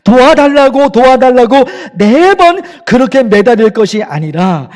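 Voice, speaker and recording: A man's voice: very high voice, expressive, moderate pace, a little mellow. A man voicing God questioning a believer who is praying, asking probing and demanding questions. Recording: echoey church hall.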